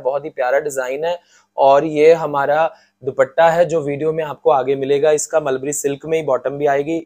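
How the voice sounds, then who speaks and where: A man in his forties, a shop owner seated indoors with a lapel mic, giving an earnest sales pitch and slowly repeating the web details. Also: a little mellow. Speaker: shop owner presenting products. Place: indoor showroom, on a sofa.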